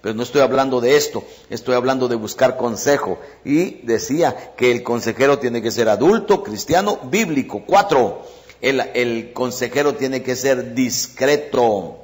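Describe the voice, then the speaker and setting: A male pastor delivers a sermon in an emphatic, direct manner. He speaks straight to his congregation, calling them brothers, and lays out his teaching point by point at a middle pitch. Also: normal speed. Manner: emphatic, addresses listeners as brothers, counts off points.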